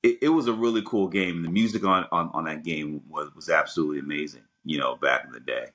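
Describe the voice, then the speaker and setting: A middle-aged podcast co-host with a very deep, slightly bright voice talks quickly in casual, animated commentary. He often repeats words in bursts while working through a thought.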